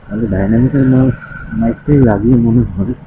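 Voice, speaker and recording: A man with a deep voice talking softly at normal volume while riding a motorbike, recorded through a helmet mic. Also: a little fast. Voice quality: deep bass-heavy voice. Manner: speaks softly at normal volume, never shouts. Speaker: moto vlogger. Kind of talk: casual vlog talk while riding. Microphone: helmet-mounted mic inside ear pad. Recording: muffled helmet mic with faint road noise.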